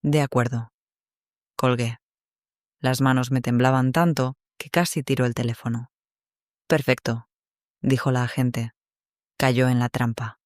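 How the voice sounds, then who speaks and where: A man reading a first-person story as scripted narration, steady and measured. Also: medium pitch, smooth, no room sound, clean studio sound.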